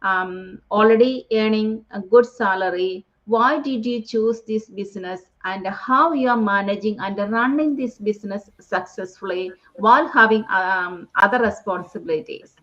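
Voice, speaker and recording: A woman hosting, reading out a question to her guest slowly and hesitantly, with fillers. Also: mid-range voice, a bit bright. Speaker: host. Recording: slightly dull lo-fi audio.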